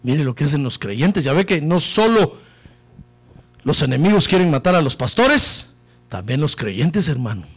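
A man preaching a sermon with passion, dropping to low murmurs and rising to shouted peaks, often calling listeners "brother". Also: sing-song, moderate pace, breathy edge. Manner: keeps addressing listeners as "hermano". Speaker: pastor.

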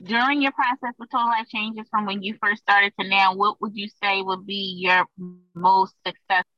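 A woman's voice: mid-range voice, fairly even intonation, moderate pace. A woman acting as interviewer, putting questions in a casual, conversational way. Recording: dry, dull lo-fi audio.

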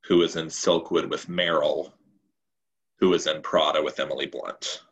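Low-voiced male co-host, casual and chatty, explains rules plainly. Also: steady tone, moderate pace, a bit bright, low-quality recording. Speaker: podcast co-host. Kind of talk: casual chat.

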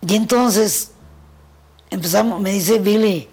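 A Mexican pianist, a guest in an interview, tells anecdotes slowly in a mid-range, breathy-edged voice. She's an animated storyteller who acts out the voices of the people in her stories.

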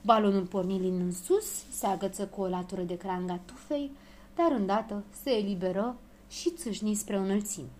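Brief: female storybook narrator, expressive read. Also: mid-range voice, slight background noise. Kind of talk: children's story reading.

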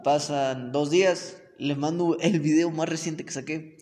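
A man's voice: fairly high pitch, measured pace, big-room sound, a little hiss or hum. Slangy young Mexican man telling a story. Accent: Mexican Spanish. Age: young adult. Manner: animated, slangy, self-mocking. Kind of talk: casual storytelling chat.

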